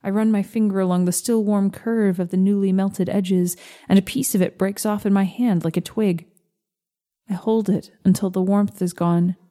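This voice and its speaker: Warm, gentle woman storyteller. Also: medium pitch. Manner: slow, gentle, measured reading. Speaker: narrator. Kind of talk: first-person story narration.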